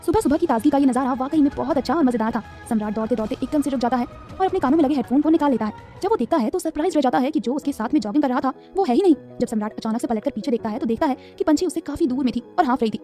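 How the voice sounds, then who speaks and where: A woman narrating a serialized romance story in a dramatic, fast scripted style. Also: high voice, animated, warm tone, faint music behind.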